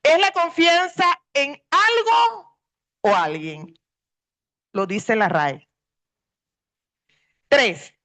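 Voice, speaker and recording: A woman's voice: high voice, a bit bright. A middle-aged woman pastor, preaching a sermon earnestly and stretching out key words for emphasis.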